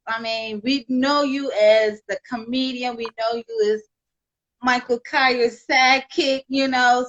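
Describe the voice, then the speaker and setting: Chatty high-voiced woman host. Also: fairly bright tone, lo-fi sound. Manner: chatty, upbeat, laughs often. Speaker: podcast host. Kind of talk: casual live-stream interview.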